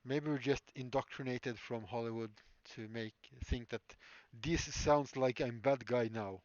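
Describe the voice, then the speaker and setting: A man's voice: mid-range voice, unhurried, no room sound. A man chatting casually on a livestream while building props, rambling and musing with many fillers. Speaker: prop maker livestreamer. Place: workshop. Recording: dull lo-fi stream audio, dry.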